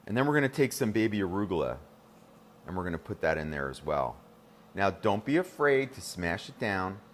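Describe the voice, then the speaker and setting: A middle-aged man with a New Jersey accent hosts a live cooking demonstration, speaking directly to viewers and calling them "you guys" in an upbeat, chatty way. His deep voice is very animated and fairly quick, with slight background noise.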